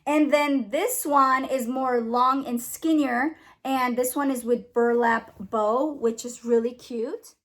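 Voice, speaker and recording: A woman's voice: sits high, steady tone, slow. A young adult woman chatting enthusiastically as she shows off her shopping finds, often saying how much she loves them. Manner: chatty, enthusiastic, giggly over a tongue-twister. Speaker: haul vlogger. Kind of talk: casual haul video chat.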